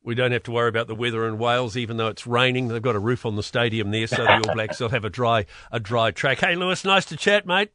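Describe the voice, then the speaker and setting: A man's voice: medium pitch, fast talker, hardly any pauses, sharp tone. A man with a New Zealand accent hosting a conversational radio interview in an informal, matey way. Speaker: radio host.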